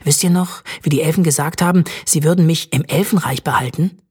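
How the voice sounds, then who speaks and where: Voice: mid-range voice, brisk, a little mellow, husky. An audiobook narrator voicing an anxious but clever young boy who talks earnestly. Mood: explaining. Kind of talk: audiobook reading.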